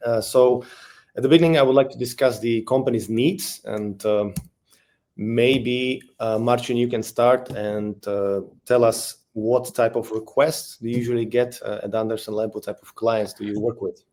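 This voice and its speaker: A man from Slovakia, hosting a business webinar in a relaxed, friendly way with frequent fillers. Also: medium pitch, normal speed. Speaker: webinar host, payments advisor.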